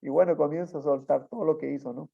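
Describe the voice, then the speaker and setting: A man's voice: fairly high pitch, steady tone, fast talker, gravelly. A man preaching a sermon, telling a testimony in a storytelling way and often adding tag questions. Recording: dull lo-fi sound.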